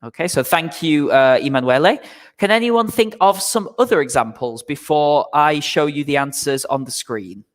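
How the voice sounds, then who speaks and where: Slightly high in pitch and followed by a long reverb tail, this man's voice guides a live online class through an English vocabulary lesson. He goes slowly and patiently, repeats himself, and checks in with "okay?" after nearly every point.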